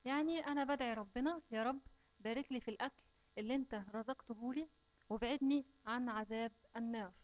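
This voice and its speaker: A fairly high-voiced woman with an Egyptian accent leads a children's recitation lesson. She chants verses slowly and stretches the sounds, then explains each rule in plain talk. The recording sounds dull and lo-fi. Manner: slow, drawn-out recitation alternating with clear explanation. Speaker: Quran teacher.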